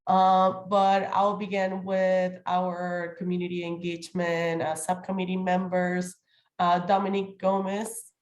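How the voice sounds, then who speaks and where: A woman getting over a cold, and so slightly nasal, chairs a committee meeting by video call, formal and welcoming. She speaks on the low side in a completely flat, unhurried way, and the highs are cut off.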